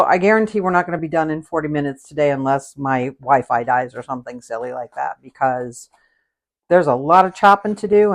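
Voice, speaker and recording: A middle-aged woman hosting a live cooking stream from her home kitchen, chatting casually and greeting viewers by name. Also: deep voice. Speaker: cooking show host.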